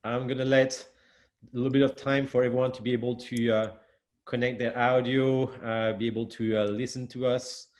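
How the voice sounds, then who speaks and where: A man's voice: mid-range voice, level tone, moderate pace. French-accented man hosting a webinar. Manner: hesitant, many fillers and restarts. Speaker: webinar host. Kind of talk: online panel moderation.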